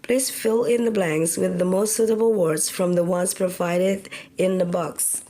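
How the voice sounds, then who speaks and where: A young woman with an Indonesian accent teaching English grammar in a deliberate, step-by-step way, drawing out example words syllable by syllable. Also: lowish voice, fairly even intonation, mellow, poor audio. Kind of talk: slow step-by-step grammar lesson.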